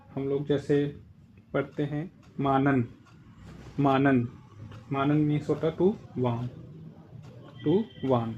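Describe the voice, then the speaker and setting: A man with an Indian accent gives a casual spoken lesson in a slightly high voice. He explains things patiently and says each example word more than once. A faint hum runs under the recording. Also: muffled recording. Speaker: German language teacher.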